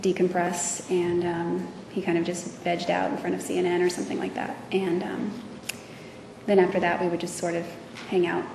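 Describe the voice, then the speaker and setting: A woman testifying as a witness, speaking hesitantly with many pauses and fillers, in a courtroom recording. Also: lowish voice, completely flat delivery, creaky. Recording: echoey courtroom audio from far off with noise.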